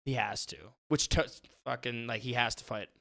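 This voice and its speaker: A young man chatting casually as a podcast co-host. His delivery is loose and laid-back, with plenty of filler words and frequent swearing, at a middling pitch. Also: steady tone, moderate pace, creaky, pushed and bright.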